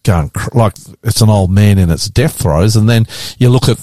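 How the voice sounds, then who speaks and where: In a radio studio, a Queensland-born radio host and pastor with an Australian accent chats casually in a blokey manner. His voice is lowish and mellow at a normal pace, captured with clean studio quality and no room sound.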